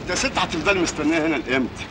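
A brisk, reassuring official, played by a man with an Egyptian Arabic accent and a high voice. He rattles off his lines very fast. Street noise runs under him on an old film soundtrack. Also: expressive, close to an everyday voice.

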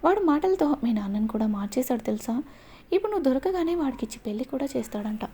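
A woman's voice: sits high, animated, fast, dark tone, slight background noise. A woman voicing an obsessive, scheming young man who gloats over his plan. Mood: menacing. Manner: menacing, gloating.

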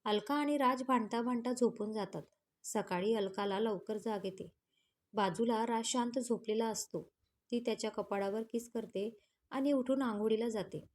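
Female narrator, highish voice, even storybook reading. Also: normal speed.

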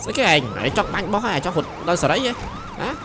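High, rapid-fire excitable young man. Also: noisy background. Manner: rapid, excitable, shouting quick directions. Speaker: gameplay streamer. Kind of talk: excited gameplay commentary. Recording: voice over loud game sirens. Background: police sirens from the game.

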